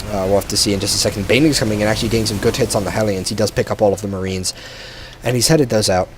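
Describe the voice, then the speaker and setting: Man, game commentator, low voice, faint hiss, casual play-by-play, sleepy. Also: rapid-fire. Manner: relaxed, chatty play-by-play with frequent fillers. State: tired. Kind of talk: solo video game commentary.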